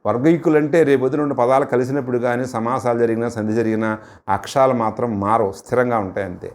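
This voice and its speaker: In a grammar lesson, a middle-aged man with a Telugu accent speaks in a steady, mid-range voice at a quick pace. He drills each sound one at a time, stretching out syllables so the class can repeat them.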